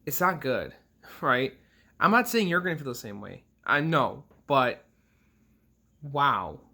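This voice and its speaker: A man's voice: medium pitch, animated, takes it slowly, gravelly, sharp tone. A man in his twenties ranting to camera about a game he played, rambling and emotional, swearing often. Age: 20s. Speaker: gaming vlogger. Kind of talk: casual rant to camera.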